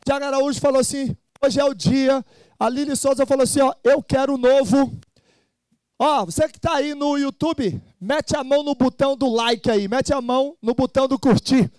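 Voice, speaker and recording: High-voiced, fired-up male seminar speaker. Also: moderate pace, dry recording. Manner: energetic, urges the crowd to repeat chants. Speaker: motivational speaker hosting a seminar. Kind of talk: live seminar pep talk.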